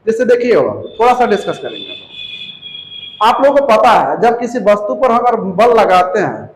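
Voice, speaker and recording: A very high-voiced man teaches physics in a spacious room with echo, his sing-song delivery at normal speed over a slight hiss or hum. Addressing students as "babu," he speaks with a touch, keeps repeating key terms, and quizzes the class.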